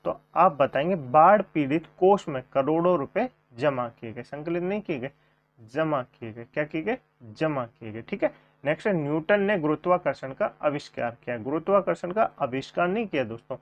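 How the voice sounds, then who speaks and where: A man's voice: on the high side, animated, moderate pace. Male teacher drilling sentence corrections. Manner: repeats questions and answers, addresses viewers as friends. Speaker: Hindi grammar teacher. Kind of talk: online coaching class lesson. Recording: dull lo-fi sound.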